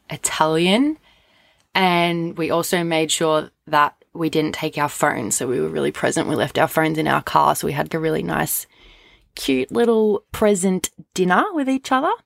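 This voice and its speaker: Young woman, low pitch, dry close sound, cheap microphone quality, informal podcast chat. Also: gravelly, no echo. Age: young adult. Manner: informal, chatty, frequent "like" and "literally". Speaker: podcast host. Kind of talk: casual solo podcast chat.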